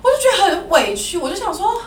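A woman's voice: very high-pitched, quick pace, roomy sound, distant mic. A woman chatting casually as a podcast host, telling a story animatedly and acting out another person's lines. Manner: animated storytelling, acts out her husband's lines. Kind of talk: casual chat.

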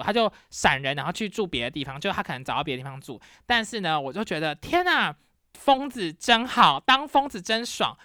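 A young Taiwanese woman with a Taiwanese Mandarin accent, hosting a podcast and telling a story in a casual, animated way, acting out scenes dramatically. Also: lowish voice, dry recording, clean studio sound. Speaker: podcast host.

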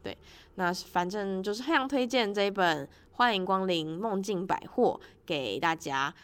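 A woman with a medium-pitched voice hosts a casual solo podcast. She talks in a chatty, personal way and voices her reactions expressively as she tells things. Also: animated, moderate pace, a bit bright, clean tone. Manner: laughs often while talking. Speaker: podcast host.

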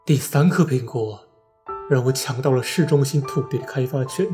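With music under his voice, a man acts a radio drama monologue as an ambitious, desperate businessman making a solemn confession. His voice is medium-pitched, warm and close to everyday, at a normal speed.

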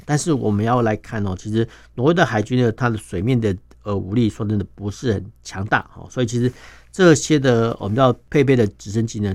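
Low-voiced Taiwanese man explaining. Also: no echo, studio quality. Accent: Taiwanese Mandarin. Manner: sprinkles sentences with filler particles; steady, explaining step by step. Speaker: guest defense journalist. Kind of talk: explanatory interview talk.

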